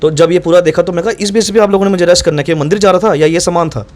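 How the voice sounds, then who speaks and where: Guy talking super fast, kinda high voice, telling the story and doing both sides of the argument. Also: a little mellow. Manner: fast, insistent, reenacts dialogue. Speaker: doctor recounting incident to reporter. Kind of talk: animated first-person account.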